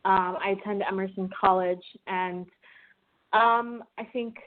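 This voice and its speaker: Over a call that sounds tinny, a young adult woman from the Midwest, specifically Wichita, Kansas, talks about being a filmmaker and student. She has a mid-range voice with fairly even intonation, goes a little slow, and reflects aloud with many fillers and restarts.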